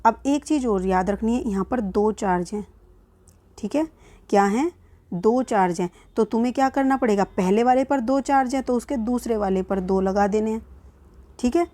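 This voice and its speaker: Casting: Indian-accented woman teacher, a touch high-pitched, patient worksheet walkthrough, rhetorical questions. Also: moderate pace, warm tone. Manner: patient, asks and answers her own questions, calls students "beta". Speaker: science teacher.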